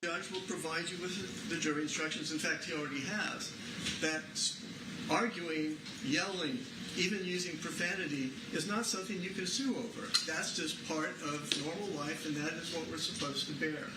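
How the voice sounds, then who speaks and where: A man's voice: a little high, moderate pace. A man, a defense attorney, giving a methodical closing argument to a jury, repeating points for emphasis, heard in a courtroom recording. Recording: distant echoey courtroom audio, loud noise.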